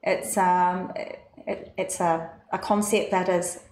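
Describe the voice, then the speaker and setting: A woman's voice: fairly low pitch, level tone, slow pace, darkish tone. A woman, a guest in a studio interview, speaking hesitantly with many fillers. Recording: echoey studio, faint noise.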